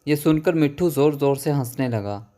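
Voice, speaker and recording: A man reading a horror story aloud as a storyteller, in a steady, even narration. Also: on the high side.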